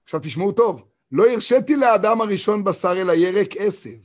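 A man with a high, somewhat husky voice gives a Torah lesson. He reads the verses slowly and talks with emphasis, stopping to ask his listeners rhetorical questions. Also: expressive, darkish tone. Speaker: Torah teacher.

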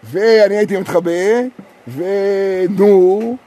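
A male rabbi teaching a group in a sukkah. He tells a story, chants verses slowly and keeps asking his listeners questions. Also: high-pitched, steady tone, warm tone.

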